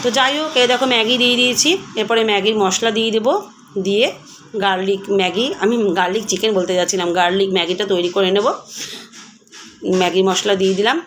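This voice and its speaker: A woman's voice: mid-range voice, fairly even intonation, fast, pauses often, a bit bright, slight background noise. A woman in her forties giving a chatty, homely voice-over of her cooking, addressing viewers as friends. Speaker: vlogger.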